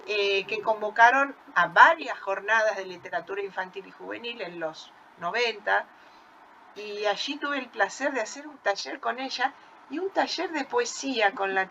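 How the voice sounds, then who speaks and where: Older argentine lady running a workshop, bright high voice, lots of restarts, faint hiss. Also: lively intonation, measured pace, dull audio. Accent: Argentine Spanish. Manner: warm admiring, with frequent restarts. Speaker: workshop coordinator. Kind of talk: informal remarks in an online workshop.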